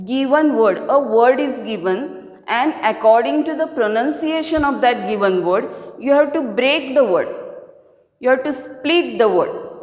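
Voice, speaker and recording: A woman teaches grammar in a slow, patient, step-by-step way, often repeating her points. Her voice sits fairly high. The recording is roomy, with a long, ringing reverb. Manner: slow, repetitive, explaining step by step. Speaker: English teacher. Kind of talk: classroom grammar lesson. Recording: echoey room with long reverb.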